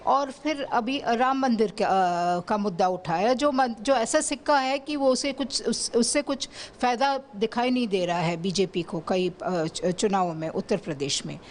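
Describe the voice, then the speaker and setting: A woman's voice: medium pitch, a little slow, few pauses. A woman journalist putting a long, searching question at a press conference, restarting words as she goes.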